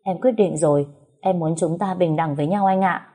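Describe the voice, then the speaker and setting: A woman's voice: fairly low pitch, normal speed, mellow, natural voice. A woman voicing a naive, stubborn young woman who insists on her point. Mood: insistent.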